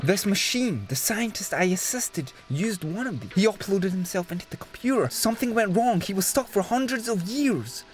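A man voicing a video game drone that holds an uploaded scientist's mind, halting as it recalls being human. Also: high voice, lively intonation, over music. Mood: wistful. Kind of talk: video game dialogue read aloud.

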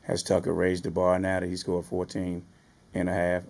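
A man's voice: deep voice, completely flat delivery, moderate pace, gravelly, darkish tone. A man, a reporter, asking direct questions at a press conference.

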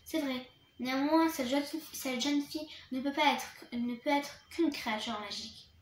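A woman voicing a kind, gentle female headmistress who speaks calmly to a young student, read from a storybook in an echoey room. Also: sits high, normal speed, a little hiss or hum, natural voice. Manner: gentle, calm.

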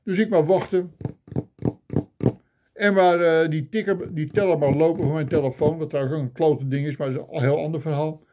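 Speaking at normal speed, this older man keeps a steady, dark tone in a slightly high voice. He vlogs a mock-indignant comic rant of complaints, captured on his phone camera.

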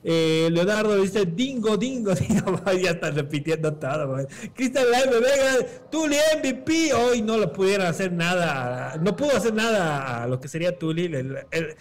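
A man from Bolivia, co-casting esports and reading out chat comments with frequent laughs. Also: sits high. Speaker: esports caster.

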